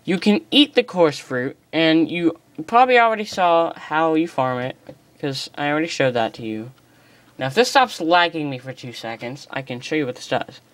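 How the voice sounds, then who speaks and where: Here an American gaming channel host delivers casual tutorial commentary at a normal speed, sounding eager and talkative while teasing themselves over fumbles. There's no echo; the medium-pitched voice is recorded by a phone filming the screen, with sporadic typing sounds.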